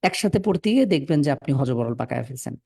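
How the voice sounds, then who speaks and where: A man teaching Quran reading over a video call, patiently but firmly correcting students and spelling letters slowly. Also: mid-range voice, animated, gravelly, dark tone, breathy edge, no echo, studio quality. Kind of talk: online class, correcting students.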